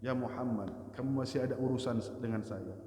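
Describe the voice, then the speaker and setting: A man's voice: medium pitch, brisk, a little mellow, slight background noise, natural voice. A curt, insistent creditor who will not let his debtor go, voiced by a male preacher mid-sermon. The voice rings through a large echoing mosque hall. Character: stubborn creditor demanding a debt, man.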